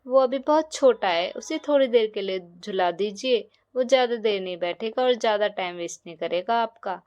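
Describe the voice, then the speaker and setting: A woman's voice: mid-range voice, normal speed, darkish tone, smooth, close to an everyday voice. A woman voicing a caring father who earnestly pleads for his little son. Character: caring father, grown man. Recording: dull lo-fi recording.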